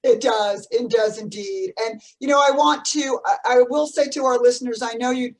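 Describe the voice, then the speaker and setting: A woman with a New Jersey accent hosts a casual interview, effusive and complimentary toward her guest. Her voice sits a touch high. The video call audio is a little distant. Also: steady tone, moderate pace. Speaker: podcast host.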